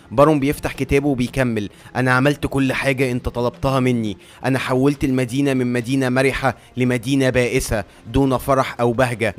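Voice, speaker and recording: A man's voice: mid-range voice, lightly acted. A man voicing a grim, scheming baron. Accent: Egyptian Arabic. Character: scheming baron pleading with a dark entity.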